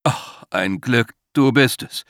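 Man voicing a tired anxious young student, pleading, slow, close dry recording. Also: mid-range voice, fairly bright tone, dry recording. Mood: relieved. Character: weary, anxious young male doctoral student Max.

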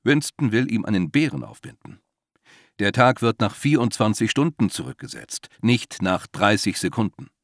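A man narrating a humorous story in a wry, measured way. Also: on the low side, lively intonation, no echo, clean studio sound.

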